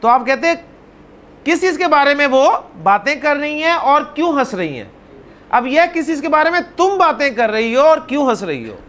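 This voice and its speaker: High-voiced man teaching Arabic grammar. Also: a bit bright. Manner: explains patiently, calls on students by name; repeats words slowly, drawing them out. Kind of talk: classroom grammar lesson.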